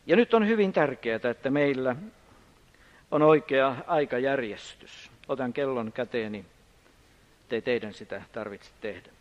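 An older man preaching a sermon, moving between loud emphatic declarations and quiet anecdotes. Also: medium pitch. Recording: dull lo-fi sound.

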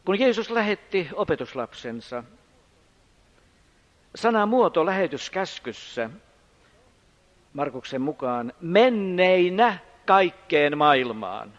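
A man's voice: sits high, big pitch swings, long pauses. Older man preaching, dull lo-fi recording. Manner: emphatic, shifting from loud declarations to quiet storytelling. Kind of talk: sermon. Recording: dull lo-fi sound.

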